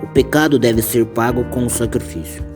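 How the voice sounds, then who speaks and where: A man's voice: medium pitch, steady tone, normal speed. A man reading scripted explanatory narration. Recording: clear music behind narration. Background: music.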